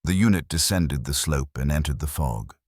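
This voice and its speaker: A man narrating a dark fantasy audiobook in a steady, measured storytelling manner. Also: a bass voice, breathy edge, no room sound, studio quality.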